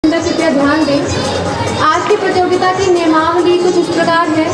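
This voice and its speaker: Give me a woman making formal stage announcements over a public address loudspeaker, in a measured, instructional manner. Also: extremely high pitch. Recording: echoey loudspeaker sound from far off, with crowd and music behind.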